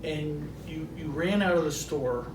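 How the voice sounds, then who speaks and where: A man playing an exasperated, sceptical grandchild in improvised comedy, interjecting in a deadpan way. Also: a little high, a little slow, close to an everyday voice. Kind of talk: improvised comedy role-play. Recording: roomy, noisy, distant mic.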